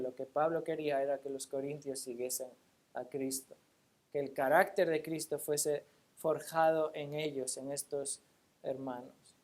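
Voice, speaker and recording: A woman preaching a sermon in a church. She stresses points with rhetorical questions and reads scripture aloud slowly. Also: sits low, a little mellow. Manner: emphatic, asks rhetorical questions and answers them.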